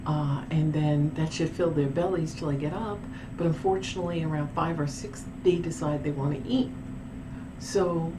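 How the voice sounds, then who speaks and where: A woman's voice: sits low, fairly even intonation, moderate pace, noisy background. A woman telling a paranormal story in a casual, rambling vlog with many restarts and asides. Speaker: paranormal vlogger.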